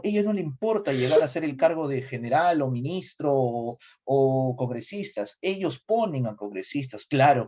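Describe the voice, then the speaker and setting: A middle-aged man with a Peruvian accent giving a lively history lecture, quizzing his students as he goes. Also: fairly high pitch, breathy edge. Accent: Peruvian Spanish. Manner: asks students questions, animated. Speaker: history teacher. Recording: slightly dull lo-fi recording.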